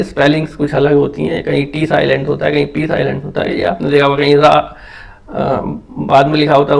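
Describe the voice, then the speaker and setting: A man's voice: fairly high pitch, vocal fry. A man teaching English pronunciation basics, explaining patiently step by step in a mix of Hindi and English.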